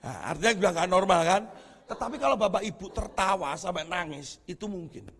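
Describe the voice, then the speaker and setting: A man preaching a sermon as pastor, telling stories in a lively, animated way and laughing at his own jokes. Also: sits high, a little fast, husky. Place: church hall. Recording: echoey church hall with long reverb.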